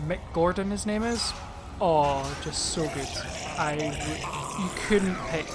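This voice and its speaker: A man gives loose, casual commentary as a gaming host. He rambles through chatty asides while he plays, with music clearly heard behind his voice. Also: a little high. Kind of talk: casual let's play commentary. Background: game music.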